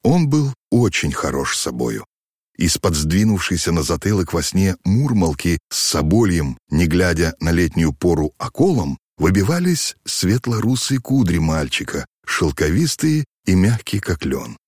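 A man narrating an audiobook in an expressive storytelling manner. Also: low-pitched, measured pace, slightly rough, no room sound, clean studio sound. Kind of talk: scripted narration.

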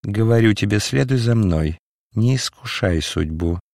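A man voicing a mysterious male stranger who speaks calmly, dispassionately and with faint mockery. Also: lowish voice, measured pace, vocal fry, no room sound, clean studio sound. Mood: calm, solemn. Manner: calm, dispassionate, faintly mocking. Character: mysterious calm male stranger, cryptic and mocking.

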